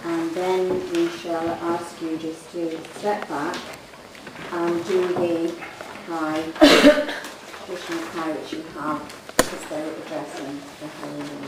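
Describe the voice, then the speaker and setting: Slow-spoken woman in a very echoey room. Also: on the low side, little pitch movement. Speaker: interview panel member opening the questions. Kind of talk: formal spoken interview questions. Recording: very echoey hall, distant mic, noisy.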